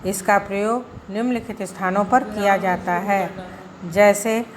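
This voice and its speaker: A woman teacher giving a school grammar lesson, explaining slowly and deliberately with examples. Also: medium pitch, a crowd in the background.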